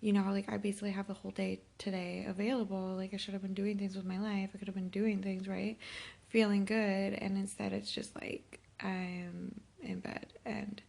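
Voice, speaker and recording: Woman in her thirties, hungover and sick, heavy gravelly vocal fry, husky, weary halting confessional vlog talk. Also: mid-range voice, flat delivery, a little mellow. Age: 30s. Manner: weary, self-reproachful, halting. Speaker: vlogger. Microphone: phone held by herself.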